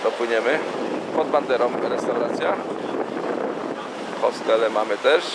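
Over loud wind and the hum of a boat engine, a man rambles through a casual running commentary as he films a city river from a small boat, playing amateur tour guide. He's chatty, with fillers and self-corrections. His pitch is medium and his pace a little slow.

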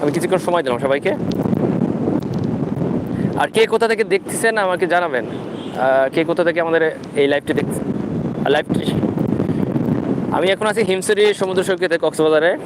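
Casting: Bangladeshi male, high-pitched voice, informal religious adviser speaking live outdoors, halting and instructive, over clear wind and rumble. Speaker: ruqyah practitioner hosting a live Q&A. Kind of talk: informal livestream talk with religious advice. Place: outdoors at a sea beach.

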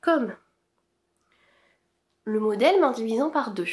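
A woman's voice: fairly high pitch, animated, unhurried, darkish tone. A woman chatting casually about her knitting to camera, hesitant with many fillers. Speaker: knitting podcaster. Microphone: camera-mounted shotgun mic.

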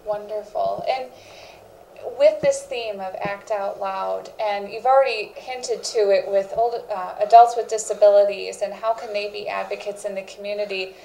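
A middle-aged woman host with a gravelly edge to her voice, asking questions in an encouraging, upbeat way. The room sounds roomy, with faint background noise. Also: medium pitch, steady tone, normal speed, dark tone. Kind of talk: interview hosting. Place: living room set indoors.

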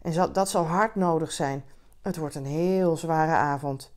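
A woman's voice: sits low, a little slow, darkish tone. A woman voicing a talkative man in a bar who rambles, hesitant and heartfelt, as he grieves. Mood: rambling.

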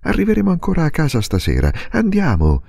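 Male reader voicing an effusive peasant dad in a storybook; higher than his own voice, gravelly, bustling. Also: wildly swooping pitch, fast talker, darkish tone, no echo, studio quality, full character voice. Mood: urging. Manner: effusive, exclamatory. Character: peasant father, warm, overjoyed and bustling.

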